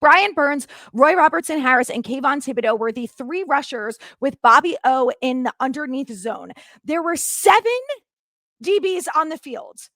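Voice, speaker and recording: A woman with a strikingly high voice rants through a solo sports recap, swearing freely and sounding fed up. Her voice is recorded close and dry, with no room sound behind it. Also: lively intonation, normal speed, a bit bright, no echo. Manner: heated, swearing, exasperated ranting. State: angry. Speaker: sports podcast host.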